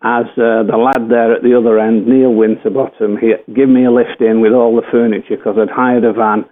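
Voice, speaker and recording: A man's voice: mid-range voice, little pitch movement, fairly quick. An older English man, a former footballer, telling a rambling anecdote full of fillers and self-corrections. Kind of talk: anecdotal storytelling. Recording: tinny phone-like radio line.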